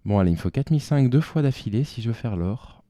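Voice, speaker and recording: A man's voice: medium pitch, animated, quick pace, dark tone, dry recording, clean studio sound. A man commenting on his own play of a geography game, thinking aloud and talking to himself.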